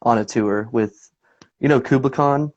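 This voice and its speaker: A man's voice: mid-range voice, measured pace, a little mellow, muffled recording. A man in his twenties, a guest musician telling stories in a rambling, laid-back way full of fillers. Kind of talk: casual interview chat.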